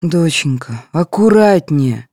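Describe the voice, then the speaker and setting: A woman voicing a soft, indulgent mother who fusses and apologizes for her children in an audiobook. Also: low-pitched, lively intonation, slow pace, dry recording, clean studio sound, exaggerated voice. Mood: fussing. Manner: fussing, apologetic.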